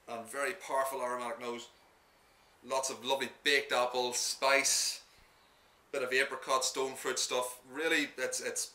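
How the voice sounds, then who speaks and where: Casting note: Irish man, bright tone, upbeat wine-tasting chat, recorded from a distance in an echoey room. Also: medium pitch. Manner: enthusiastic, chatty, with restarts. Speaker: wine merchant reviewing a wine. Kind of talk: casual wine tasting review.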